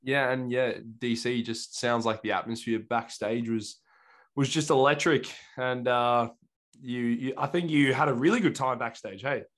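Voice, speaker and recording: Guy co-hosting a podcast, ribbing his mate, average pitch voice. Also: fairly even intonation, normal speed, a bit bright. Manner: teasing. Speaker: podcast co-host. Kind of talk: casual podcast chat.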